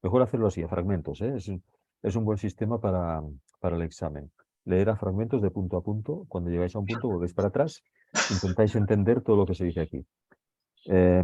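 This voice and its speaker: A low, mellow male voice explains a reading to his students, stopping often to ask whether they follow. The sound is dry and a little dull, like a lo-fi classroom recording. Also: fast, no room sound. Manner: checks understanding with frequent tag questions. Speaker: teacher.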